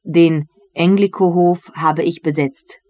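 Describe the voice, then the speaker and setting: A greedy medieval nobleman gloats over captives and spoils, as a reader voices him. The lines are delivered slowly and deliberately. The recording is dry and close. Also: mid-range voice, fairly even intonation, a little mellow, no echo, lightly acted. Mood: gloating.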